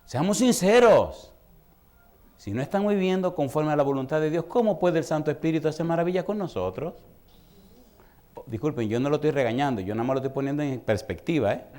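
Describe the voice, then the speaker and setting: Dynamic Spanish-speaking preacher. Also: male voice, expressive, fast. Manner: storytelling preacher, swings from low murmurs to loud high outbursts. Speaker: pastor. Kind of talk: sermon. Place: church.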